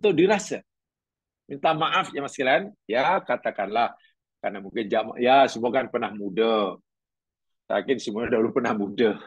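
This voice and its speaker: Middle-aged guy giving a religious class, husky voice, dry close sound, chatty and storytelling. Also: on the high side, dry recording. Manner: conversational, questioning the audience, storytelling. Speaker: religious teacher.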